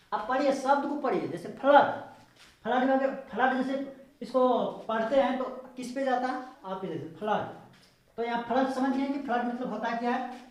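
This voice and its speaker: A woman with a fairly high voice gives a spoken English lesson, going slowly and spelling each word out letter by letter. She keeps asking whether the viewer has got it. Her voice rings in a very echoey room. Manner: slow, repetitive, spelling words out letter by letter; asks the viewer questions to check understanding. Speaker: English pronunciation teacher.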